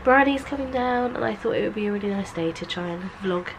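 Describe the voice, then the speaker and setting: Young mum vlogging, croaky stuffy voice, chatty, some noise behind her on a handheld camera. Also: medium pitch, fast talker. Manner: chatty, softly sing-song baby talk. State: croaky and bunged up from a cold. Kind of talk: casual vlog chat. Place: outdoors, walking along a road.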